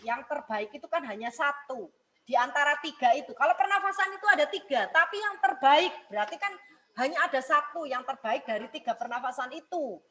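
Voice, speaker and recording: A woman's voice: high voice, fairly quick, a bit bright, a little hiss or hum, poor audio. A woman teacher explaining singing technique step by step, repeating each point and checking in with a questioning "ya". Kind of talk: music lesson broadcast.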